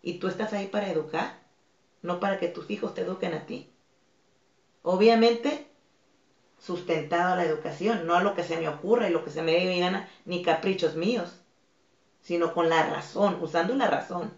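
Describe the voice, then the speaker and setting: A Mexican woman with a Mexican Spanish accent, speaking as a guest in a podcast interview, earnest and firm, softening her voice when she acts out calm replies. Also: on the low side, moderate pace. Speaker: guest, dance academy founder. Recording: echoey, dull lo-fi room.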